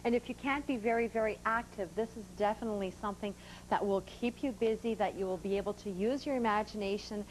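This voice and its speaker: A woman's voice: medium pitch, fast, a little hiss or hum, rough recording. A woman hosting a live home shopping show, selling with prices and item numbers in a salesy manner.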